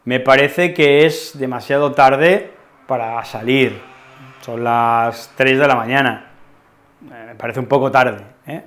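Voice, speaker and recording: A man with a Spanish accent teaching a language lesson to camera, expressive and often checking in with "¿vale?". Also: mid-range voice, takes it slowly, faint music behind. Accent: Spain. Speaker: Spanish teacher, channel host.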